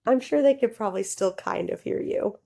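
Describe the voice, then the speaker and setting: Giggly woman with a mellow voice. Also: a little high, a little fast, creaky. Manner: giggly, animated, talks straight to listeners. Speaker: podcast co-host. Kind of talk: casual storytelling chat.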